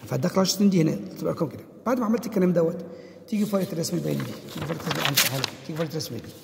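A man's voice: a little high, racing, vocal fry, heavy background noise. A man with an Egyptian accent teaching an exam-prep lesson, asking himself questions and answering them, and repeating key points to drill them in. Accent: Egyptian Arabic. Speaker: physics teacher. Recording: echoey room with long reverb.

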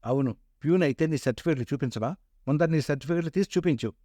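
A man's voice: a little high, rapid-fire, mellow, no room sound, clean studio sound, close to an everyday voice. A man voicing a rude, sneering male office peon who mocks people in a North Coastal Andhra dialect. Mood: shouting. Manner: mocking, scornful.

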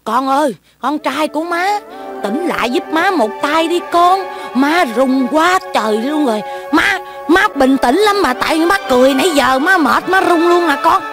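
A shrill old mother in a comedy sketch, loud and emotional. Her very high voice carries a gravelly edge. Music plays clearly behind her. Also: expressive, normal speed. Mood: fussy. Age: older. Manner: shrill, wailing, swings between sobbing and laughing. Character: excitable old mother who won the lottery.

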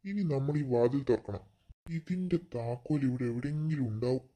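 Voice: medium pitch, fairly quick, close to an everyday voice. A voice actor playing an aging, slightly deaf burglar boss in a cartoon, bossy and grumbling.

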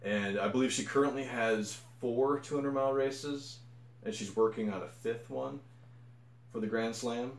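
A man's voice: medium pitch, normal speed, echoey room. A man talking casually to camera about running challenges, rambling and correcting himself as he goes. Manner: rambling, self-correcting, enthusiastic. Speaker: ultra runner vlogger. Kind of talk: casual unscripted monologue.

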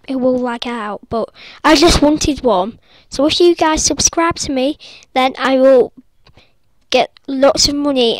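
Chatty high-voiced woman. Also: dry recording. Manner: chatty and rambling, with sudden squeals and apologies. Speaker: gaming vlogger. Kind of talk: casual game commentary. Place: sitting up in bed at home. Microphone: laptop recording.

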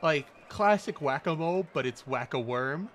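A man narrating a tabletop game casually as game master, describing scenes in halting pieces. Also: fairly high pitch, animated, fairly bright tone, a little hiss or hum.

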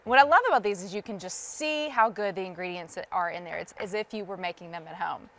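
A woman from the States, a guest on a TV shopping show, warmly listing ingredients and gushing over her family's food in a studio kitchen. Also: mid-range voice, fast talker. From Southern United States. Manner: enthusiastic, lists ingredients, gushes over the food.

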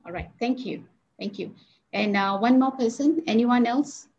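A woman's voice: fairly high pitch, normal speed, darkish tone, slight background noise. Woman teaching over a muffled video call. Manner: hesitant, with frequent fillers and restarts. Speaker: Bible study speaker.

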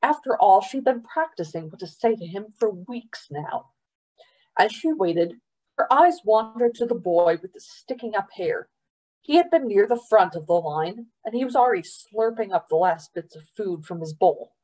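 A woman's voice: mid-range voice, lively intonation, normal speed, warm tone, low-quality recording. A woman, a library storytime reader, steadily narrating a children's novel aloud.

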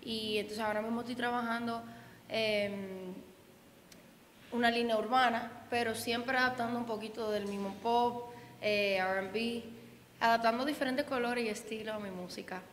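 Interviewed in a reverberant indoor event room, a young singer from the Dominican Republic talks casually, stumbling through fillers and restarts in Dominican-accented Spanish. Her voice is on the high side, steady, and at a normal speed. The interviewer's handheld mic picks up echo and faint noise.

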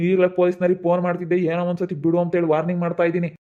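A man plays a stern uncle who lectures in a high, flat, rapid voice with a village Kannada accent. The recording is tinny and phone-like. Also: close to an everyday voice. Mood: warning. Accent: Kannada, Karnataka village dialect. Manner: lecturing, warning. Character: stern self-assured uncle issuing warnings.

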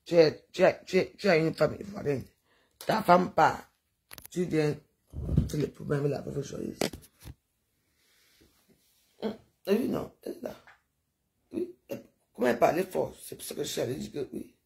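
Gravelly older woman rambling on a livestream. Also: low voice, animated, moderate pace, pauses often, darkish tone. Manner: chatty, digressive, with sound-effect noises. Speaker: livestreamer talking to viewers. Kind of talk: rambling casual livestream monologue.

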